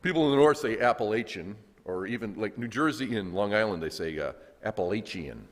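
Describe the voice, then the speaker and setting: A man's voice: lowish voice, fast. A man with a Southern American accent preaching as a guest pastor, folksy and joking with the congregation. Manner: folksy, animated, jokes with the congregation. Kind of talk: sermon with humor and audience call-and-response. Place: church sanctuary. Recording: echoey church hall.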